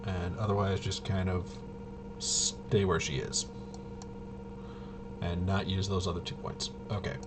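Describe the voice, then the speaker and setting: This deep-voiced man is a solo tabletop RPG player demonstrating gameplay, thinking aloud and muttering hesitantly to himself as he checks the rules. His tone stays level and his pace is a little slow, with long pauses. Heavy background noise runs underneath.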